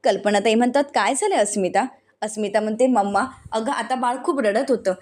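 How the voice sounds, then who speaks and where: A woman with a Marathi accent, her voice sitting a little high, tells the story of a serial episode scene by scene. She reads the characters' lines in the same steady storytelling voice. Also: a little fast. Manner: narrates plot and voices quoted lines in the same reading voice. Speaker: serial recap narrator.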